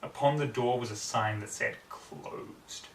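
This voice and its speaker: Reading a fan fiction story with dramatic earnestness, this young adult man speaks fairly quickly at a medium pitch. The setting is a small room at home, captured by a distant camera microphone that leaves the audio roomy and noisy in the background.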